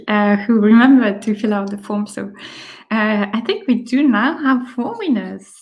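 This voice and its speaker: French woman hosting a zoom quiz wrap-up, cheerful, lots of ums, highish voice. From France. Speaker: event co-host. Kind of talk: online meetup wrap-up.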